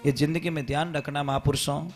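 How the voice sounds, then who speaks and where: A man's voice: a little high, level tone, fairly quick, faint music behind. A man with a Rajasthani accent preaching a devotional sermon, telling a family story and acting out its dialogue.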